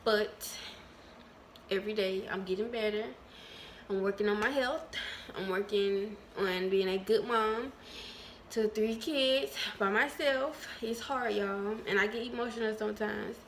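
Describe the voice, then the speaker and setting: A woman's voice: mid-range voice, slight background noise. Chatty woman vlogging candidly to viewers. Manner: many ums and trailing pauses. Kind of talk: casual vlog.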